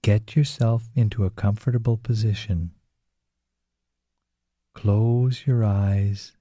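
A man reading a guided relaxation script in a slow, soothing, calm way. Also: on the low side, no room sound, clean studio sound. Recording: dull lo-fi recording.

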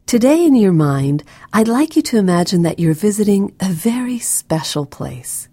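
Female narrator for children's guided relaxation: soft, breathy, mellow, soothing and gentle, recorded close and dry. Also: medium pitch, sing-song, normal speed, no room sound. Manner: soft, soothing, gentle delivery with breathy, near-whispered phrases.

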